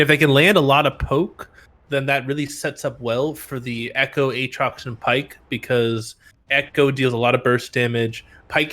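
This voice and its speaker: A man with a mid-range, slightly bright voice casts an amateur esports final, steadily explaining the drafts in play-by-play style as his voice grows tired.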